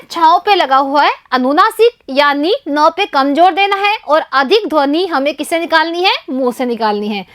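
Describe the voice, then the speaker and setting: A woman's voice: sits high, fairly bright tone, dry recording, studio quality. A woman with an Indian accent, a primary school teacher explaining a Hindi lesson to young children, asking questions and answering them herself. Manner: keeps addressing the children, asks and answers her own questions.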